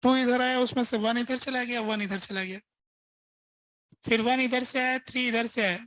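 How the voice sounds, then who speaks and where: A man's voice: very high voice, fairly even intonation, normal speed, fairly bright tone, dry recording, rough recording. A man teaching a physics lesson, working through examples step by step and asking his students rhetorical questions. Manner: casual, conversational teaching. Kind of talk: lesson at a board.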